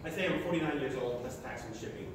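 A man of sixty from Oklahoma, USA, speaks quickly in a mid-range voice, giving an audience a motivational talk in brief, emphatic phrases at a sustainability meeting. The clip comes from a distant camera at the rear of a large lecture hall and is noisy and full of echo.

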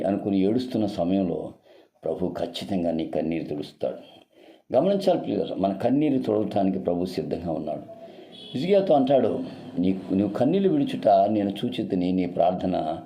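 Dark-voiced Telugu pastor, earnest. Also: male voice, fairly low pitch. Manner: earnest, pleading, repeats rhetorical questions. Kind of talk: devotional sermon.

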